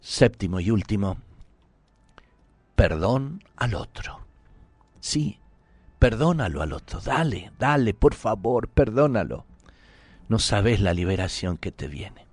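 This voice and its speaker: A man's voice: fairly low pitch, sing-song, slow, pauses often, a little mellow, slightly rough, dry recording. A man preaching a sermon in an earnest, pleading, intimate way, sometimes dropping to a whisper.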